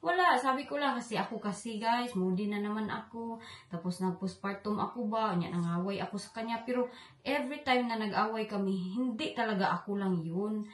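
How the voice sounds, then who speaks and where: A woman's voice: medium pitch, brisk, reverberant. A young woman talks through a painful situation in an emotional, rambling confessional vlog. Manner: tearful, upset, rambling, mixes in English. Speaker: vlogger.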